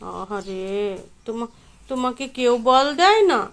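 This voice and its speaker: A woman, gently asking a toddler questions in a coaxing, sing-song home-video chat on a phone camera. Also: high-pitched, big pitch swings, a little slow. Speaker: parent filming a toddler.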